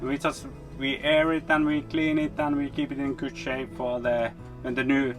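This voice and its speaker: A man's voice: medium pitch, little pitch movement, moderate pace. A man from Finland, a native Finnish speaker, talking casually in English as an interview guest. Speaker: interview guest, fiction writer. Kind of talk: casual conversation. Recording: guitar music in background.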